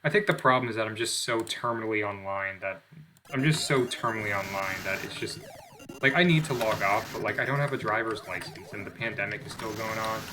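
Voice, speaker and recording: Over noisy surroundings, a young man talks briskly in a lowish voice as a gaming channel host. He rambles through casual commentary on his gameplay, packed with fillers, swearing, and self-deprecation.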